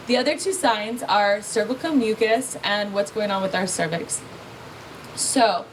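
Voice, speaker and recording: A woman teaching natural birth control at a festival workshop, talking casually with lots of "like" and questions she answers herself. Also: a little high. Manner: casual, chatty, frequent "like" and rhetorical questions. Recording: distant mic with faint ambient noise.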